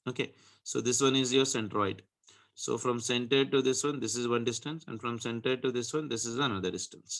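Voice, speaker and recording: A physics teacher, a man with a Telugu Indian accent, talks quickly in a mid-range voice. He works through a problem aloud in an interactive tutoring style, often tagging his points with short checking questions. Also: medium pitch, fairly bright tone. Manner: frequent checking questions and tag questions.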